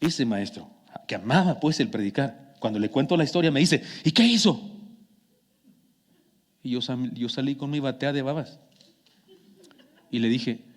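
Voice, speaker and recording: A man with a Mexican accent preaching a sermon as a pastor, telling stories in a conversational way that swings from hushed to emphatic. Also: mid-range voice, normal speed. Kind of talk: sermon with personal storytelling. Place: church sanctuary. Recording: long church hall reverb.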